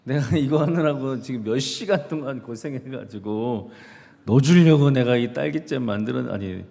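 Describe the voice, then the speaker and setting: A man voicing an angry mother who scolds her young son with sharp questions, in a reverberant church hall. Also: mid-range voice, moderate pace, creaky, natural voice. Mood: scolding.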